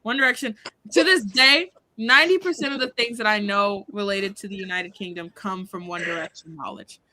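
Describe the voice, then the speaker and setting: Bright, dry-sounding chatty young woman. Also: medium pitch, fairly quick, no echo. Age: 20s. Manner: chatty, candid, rambling. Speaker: co-host. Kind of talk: casual charity stream chat.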